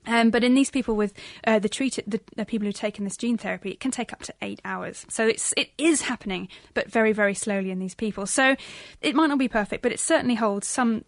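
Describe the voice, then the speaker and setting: A woman's voice: mid-range voice, quick pace, dry recording. A woman co-hosting a science show, explaining research news in an enthusiastic, semi-scripted presenting style.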